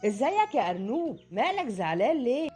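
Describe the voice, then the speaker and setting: A man's voice: extremely high pitch, very animated, fast talker, darkish tone, soft background music, pitched above the performer's own voice. A man voicing a kind female giraffe in a children's storybook, with a sweet welcoming manner and an Egyptian accent. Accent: Egyptian Arabic.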